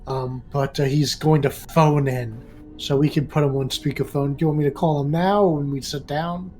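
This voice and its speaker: Man, slightly higher voice, halting delivery, casual tabletop role-play. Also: fairly even intonation, dark tone. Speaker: player.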